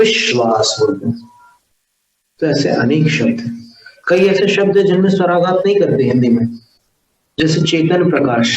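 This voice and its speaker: A man teaching Sanskrit pronunciation in a lecture, sounding out syllables slowly and deliberately. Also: a little high, darkish tone. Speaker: religious teacher. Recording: echoey, distant, dull lo-fi sound.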